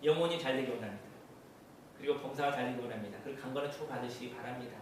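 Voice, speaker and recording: A man's voice: medium pitch, rapid-fire, darkish tone. A male pastor preaching earnestly, asking rhetorical questions and acting out short quotes. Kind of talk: sermon. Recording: echoey room, voice from a distance, faint hiss.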